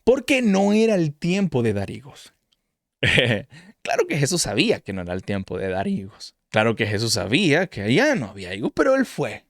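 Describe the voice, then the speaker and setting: A male preacher gives a sermon in an animated storytelling manner, with frequent restarts, chuckles and rhetorical "¿no?". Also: medium pitch, normal speed, no echo, clean studio sound.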